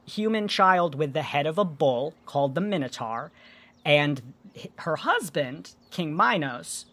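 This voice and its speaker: A woman hosting a casual podcast, explaining myths and folklore in an animated, joking way with some swearing. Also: deep voice. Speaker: podcast host.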